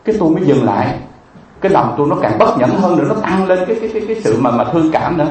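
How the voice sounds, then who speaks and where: A Buddhist monk tells a story as a sermon, in a vivid and emotional way, with many repeated fillers. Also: male voice, a little high, very animated, racing, a little mellow. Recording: echoey room, distant mic, faint ambience.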